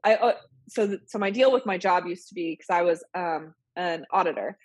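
She's in her thirties and a bit under the weather, sounding nasal as she chats casually as a podcast guest, rambling with many fillers and laughs. Her lowish voice is brisk and slightly rough, recorded with no room sound.

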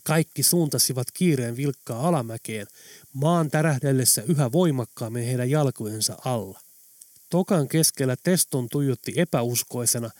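A man narrating an audiobook in a steady, even storytelling read, recorded close to the mic. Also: medium pitch, no room sound. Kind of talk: scripted narration.

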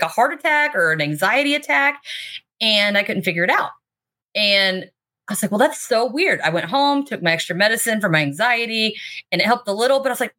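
A woman chatting informally as a podcast guest, telling stories in an animated, chatty way and swearing freely. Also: medium pitch. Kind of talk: casual chat, animated storytelling.

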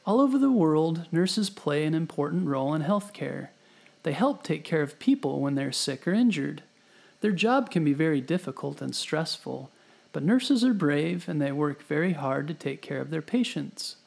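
A man narrating a scripted history story for children, gently and clearly explaining as he speaks to the listener, as a storytelling host. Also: a little high, lively intonation, moderate pace. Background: background music.

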